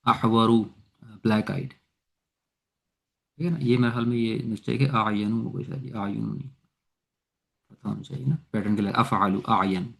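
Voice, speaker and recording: A man teaching an online Arabic grammar lesson in Urdu, speaking haltingly with many filler sounds and often switching into English terms. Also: lowish voice, fairly even intonation, vocal fry, a bit bright, slightly rough.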